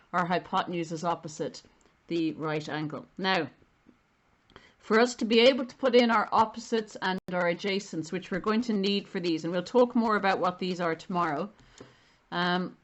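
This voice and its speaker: A woman's voice: medium pitch, fairly bright tone. A middle-aged woman with an Irish accent, giving an informal maths lesson in an explanatory, self-deprecating way and stressing key terms. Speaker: maths teacher.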